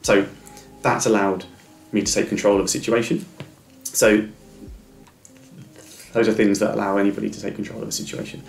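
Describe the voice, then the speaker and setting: A middle-aged man with a lowish, gravelly voice talks a little fast with little pitch movement, stammering, repeating words and restarting as he earnestly encourages listeners. He's a guest in a reflective interview, recorded in an echoey room with faint music.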